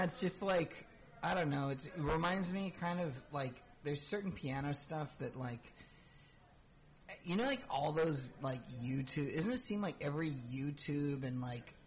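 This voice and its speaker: A man chatting casually as a podcast co-host, rambling with lots of fillers and restarts. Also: mid-range voice. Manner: rambling, filler-heavy, says "dude" and "you know" a lot. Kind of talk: casual chat.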